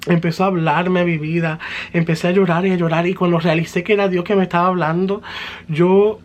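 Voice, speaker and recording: A man's voice: high-pitched, level tone, brisk. A man giving a personal religious testimony in an earnest, fervent way, slipping English words into his story.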